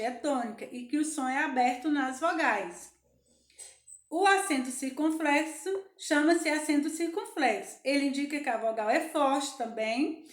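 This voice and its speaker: A woman's voice: high-pitched, roomy sound. A young adult woman with a Brazilian Portuguese accent, teaching young children in a sing-song, coaxing voice and answering her own questions. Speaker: primary school teacher.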